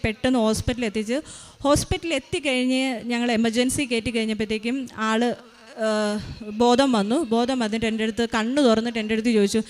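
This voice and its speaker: A Malayali woman, a mother, giving a spoken personal testimony in a halting way, with many restarts and fillers. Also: fairly high pitch.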